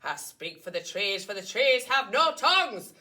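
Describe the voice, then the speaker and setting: A woman voicing a small, old, bossy forest creature with a sharp, indignant voice in a children's storybook. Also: medium pitch, sing-song, normal speed. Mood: bossy, pleading. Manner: bossy, emphatic, declamatory. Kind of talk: children's storybook read aloud.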